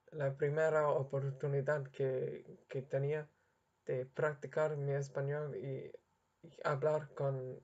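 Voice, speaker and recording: A young adult language learner speaks unscripted to camera, struggling to find words and frequently restarting and correcting themselves while apologizing for their mistakes. The voice is medium-pitched with a darkish tone, and the recording sounds muffled.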